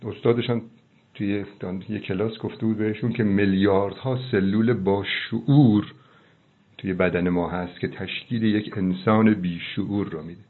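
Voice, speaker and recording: A middle-aged man, a doctor, giving earnest, preachy advice on a phone call, slowing down for emphasis. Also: fairly low pitch, fairly even intonation. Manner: fervent, preachy, slows down for emphasis. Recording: tinny phone line.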